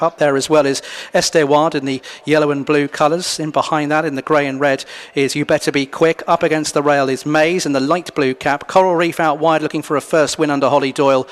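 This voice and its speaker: Male horse racing caller, fairly high-pitched, live commentary.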